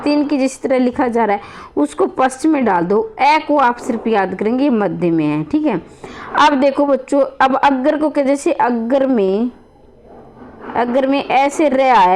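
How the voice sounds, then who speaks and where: This woman's high voice has a slightly mellow quality, and there's faint hiss or hum behind it. She teaches grammar as if in a classroom, addressing the students as children, going over points again and tossing out rhetorical questions.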